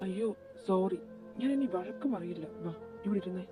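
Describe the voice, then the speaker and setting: Brief: a woman as a worried, short-tempered young husband expecting a baby, amateur audio drama, mellow voice recorded from a distance. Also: mid-range voice, moderate pace, close to an everyday voice. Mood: soothing. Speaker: expectant father. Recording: distant mic with faint background music. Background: faint music.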